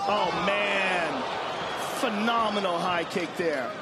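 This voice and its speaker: Male MMA colour commentator, colloquial and emphatic, high pitch, very noisy arena. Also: slow. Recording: loud arena crowd behind commentators.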